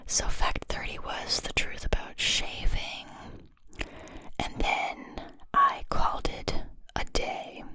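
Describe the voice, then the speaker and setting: Woman in a close, breathy ASMR whisper. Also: slow, no room sound. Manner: soft close-up whispering, ear to ear. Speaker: ASMR video creator and host. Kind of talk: ASMR whispered casual chat to viewers. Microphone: close-up microphone, ear to ear.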